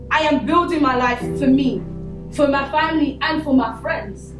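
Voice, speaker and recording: A young woman from Congo speaks in a high voice at normal speed, giving students an earnest, conversational motivational talk as a guest speaker at their school, with lots of fillers like "you know." She's in an echoey school hall, picked up by a distant mic with music playing behind her.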